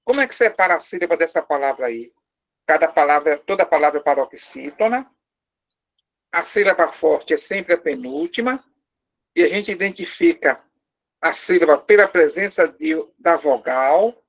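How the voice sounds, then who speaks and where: A man with a Brazilian Portuguese accent teaches a live class in a fairly high, animated voice at normal speed, though the recording is muffled. This language teacher explains step by step, quizzes his students, and lightly teases and jokes with them.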